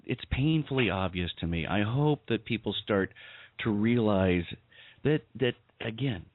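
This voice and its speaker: Low-voiced earnest man over a phone line. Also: animated, a little slow, a little hiss or hum. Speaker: guest advocate. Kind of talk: earnest call-in talk. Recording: dry tinny phone line.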